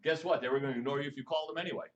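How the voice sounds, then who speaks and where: A man coaching a live audience on texting for network marketing, lively and jokey, firing questions at the room. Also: on the high side, very fast, lo-fi sound, a little hiss or hum. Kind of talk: live stream training talk to an audience.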